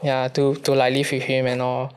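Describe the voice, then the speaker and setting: A man's voice: mid-range voice, completely flat delivery, moderate pace, smooth. A young man with a Singaporean accent, chatting casually with friends in colloquial Singlish. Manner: colloquial Singlish with tag particles. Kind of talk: casual chat among friends.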